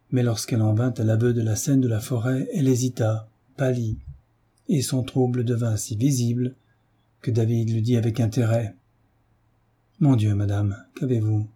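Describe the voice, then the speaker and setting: A man narrating an audiobook with a very dark, mellow timbre and a husky edge. He reads at an even, measured pace and lifts his pitch for pleading lines. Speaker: audiobook reader. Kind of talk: scripted narration of a classic novel.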